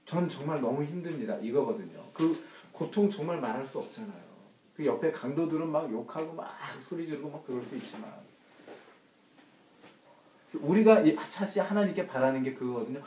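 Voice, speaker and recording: Male Bible study leader with an emphatic, questioning delivery and a warm timbre, recorded in a roomy space with faint noise. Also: on the high side, lively intonation, moderate pace, recorded from a distance. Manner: emphatic, asks the group rhetorical questions. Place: church room.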